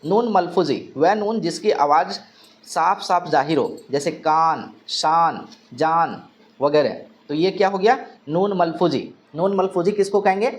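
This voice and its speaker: A man's voice: fairly high pitch, measured pace. A male teacher giving an exam-prep grammar lesson, asking questions and answering them himself, repeating key terms.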